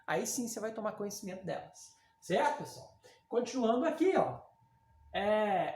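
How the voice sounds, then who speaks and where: Lively woman teaching in an echoey room. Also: medium pitch. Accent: Brazilian Portuguese. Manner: lively and conversational, many fillers and check-ins with students. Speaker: literature teacher. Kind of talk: recorded online class lecture.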